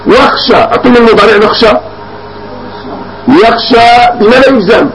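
High-voiced Moroccan teacher quizzing a class. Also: male voice, animated, fairly quick, a bit bright, slight background noise, low-quality recording. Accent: Moroccan Arabic. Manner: quizzes the class with repeated questions. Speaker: grammar teacher. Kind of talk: classroom lesson.

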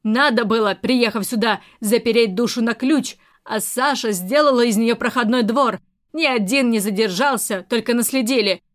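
A woman's voice: a little high, normal speed, natural voice. Woman voicing a mocking, domineering older aunt. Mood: scornful. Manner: mocking, scornful.

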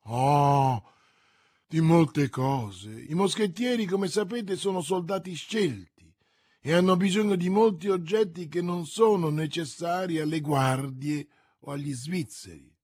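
A man's voice: on the high side, a little slow, darkish tone, slightly rough, no room sound, studio quality. A man voicing a hungry, boastful, sly musketeer in an audiobook reading, blustering aloud and muttering to himself.

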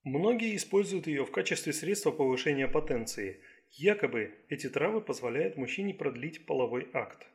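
A man reading the lines of a calm middle-aged male Chinese herbal doctor in an audiobook, in a slow, gentle, measured way. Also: on the high side.

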